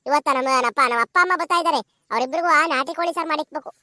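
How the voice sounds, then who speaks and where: Lady doing a squeaky fast village wife begging sorry, cartoon. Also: bright, forceful tone. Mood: bossy. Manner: pleading, tearful, sing-song rural dialect. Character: reformed quarrelsome village woman, pleading. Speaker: narrator voicing village women.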